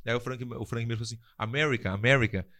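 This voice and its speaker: A man's voice: medium pitch, quick pace, fairly bright tone. A man telling a story in casual podcast chat, acting out quotes and laughing often. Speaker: podcast guest telling a fight-world story.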